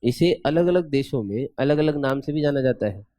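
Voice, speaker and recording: Playful man teaching math, dark tone. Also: medium pitch, expressive, no echo. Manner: playful, asks students rhetorical questions, drags out formulas slowly. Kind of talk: chatty classroom lecture.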